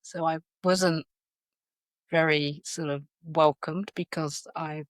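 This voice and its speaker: A middle-aged woman with a South London accent and a low voice talks through her story in an interview. She pauses often, and her thoughts come out in halting restarts and fillers. The sound is dry and close. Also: fairly even intonation, no room sound. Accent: South London English. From South London, England. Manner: hesitant, lots of fillers and restarts. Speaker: podcast guest, educator. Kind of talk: reflective interview conversation.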